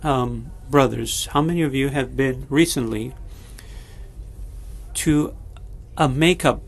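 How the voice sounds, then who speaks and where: A man preaching a sermon and leading a prayer, pausing often with fillers and restarting his sentences. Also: medium pitch, vocal fry. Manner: halting, many fillers and restarts, slow and deliberate. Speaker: pastor.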